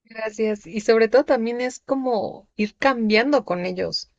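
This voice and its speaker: A woman's voice: a little high, unhurried, dry recording. Chatty woman, muffled dry recording. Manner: conversational, frequent tag questions and fillers. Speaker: parenting workshop speaker. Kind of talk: church parenting talk with personal testimony.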